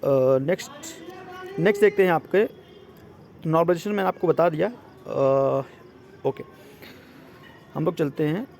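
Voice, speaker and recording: An exam coaching presenter explains a job notice in an informal style, speaking a little slowly with long pauses. His voice sits on the high side, creaky and darkish, and he mixes in English words while often checking that listeners follow.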